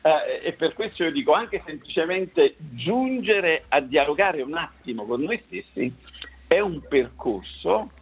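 A man on speakerphone as a guest, explaining in a measured way and repeating words for emphasis. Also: fairly high pitch, animated, breathy edge. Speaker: guest author. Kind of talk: explaining meditation on a radio talk show. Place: outdoors-ish countryside home. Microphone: phone on speakerphone. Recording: tinny distorted phone line.

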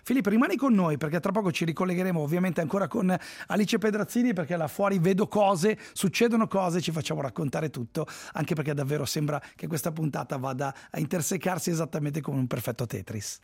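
A man's voice: on the high side, fast, gravelly, hardly any pauses, darkish tone, husky. A man hosting a live radio show, chatty and jokey as he links segments. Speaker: radio host. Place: radio studio.

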